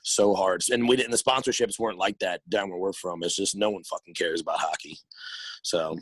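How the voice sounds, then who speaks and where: Quick low voiced dude hosting a podcast, swears a lot, laid back. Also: male voice, steady tone, no room sound. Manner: fast, profane, laid-back. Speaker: podcast host. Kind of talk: casual podcast chat.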